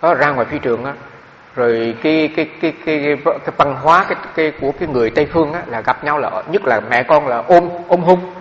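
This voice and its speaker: A man's voice: a little high, fast talker. Male monk teaching meditation, rambly storyteller with lots of fillers, faint noise behind, echoey hall. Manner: storytelling with many repeated fillers. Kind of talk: dharma talk. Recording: dull recording with long hall reverb and faint background noise.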